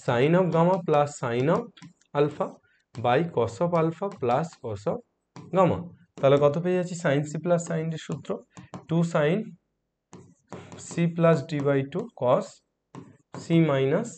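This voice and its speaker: Soft-spoken man with a sore throat teaching math. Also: on the high side, very slow, long pauses, slight background noise. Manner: coaxing, asks students questions, mixes English math terms. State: sore throat, speaking softly. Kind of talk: online math lesson.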